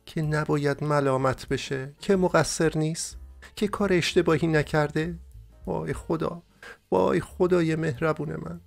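A young heartbroken woman, voiced by a male reader, rises high and swings widely as she pleads. Her tender, tearful lines carry an audiobook's intimacy. Soft music sits faintly underneath. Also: lively intonation, few pauses. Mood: pleading. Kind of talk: audiobook character voicing.

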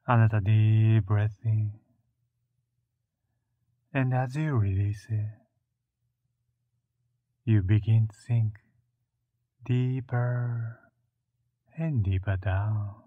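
A man guides a meditation in a soothing, measured manner, leaving long pauses between short phrases. His voice sits on the low side with fairly even intonation, and the dry recording sounds narrow and muffled.

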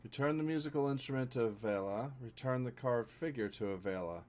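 A man's voice: medium pitch, fairly quick, darkish tone. A man streaming a game, muttering short, casual remarks to himself as he plays. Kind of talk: casual gameplay commentary. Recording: clearly noisy, game sounds behind. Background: video game ambience.

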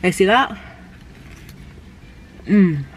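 Slow-talking young woman tasting food in car. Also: medium pitch, lively intonation, slight background noise. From Canada. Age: young adult. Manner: chatty, eating between remarks, lots of appreciative hums. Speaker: food vlogger. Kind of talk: casual mukbang tasting chat. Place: parked car, indoors. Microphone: camera on the dashboard.

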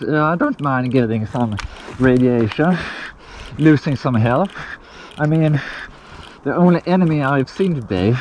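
A man talking through a gas mask outdoors on a hillside, narrating his adventure in slow, halting self-talk. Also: mid-range voice, a little hiss or hum, low-quality recording.

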